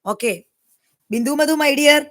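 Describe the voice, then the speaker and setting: A woman's voice: high-pitched, slow, fairly bright tone. A woman talking straight to her viewers in a personal vlog, emphatic and aggrieved, repeating her points. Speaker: YouTuber. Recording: echoey room.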